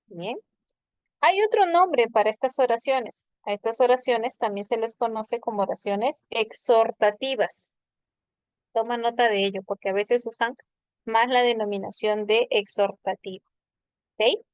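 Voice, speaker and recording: A woman's voice: a little high, smooth, no echo. A woman teaching a language class online, patiently explaining and checking in with her students. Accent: Peruvian Spanish.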